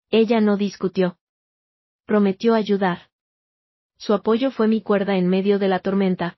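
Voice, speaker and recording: A woman narrating a first-person family story in an even, measured way. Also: mid-range voice, dry recording. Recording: dull, dry lo-fi recording.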